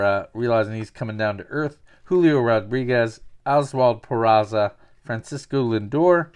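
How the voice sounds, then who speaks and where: Guy ripping baseball cards on his channel, jokey and rambly, smooth clear voice. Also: mid-range voice. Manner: jokey, rambling, trades banter with viewers. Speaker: card-opening show host. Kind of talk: casual card-opening commentary.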